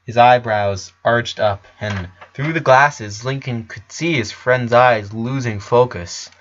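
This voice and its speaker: A man reads a fan fiction story aloud as a dramatic narrator, giving the characters their own voices in audiobook style. His voice is medium-pitched, slow and fairly bright. The audio sounds dull.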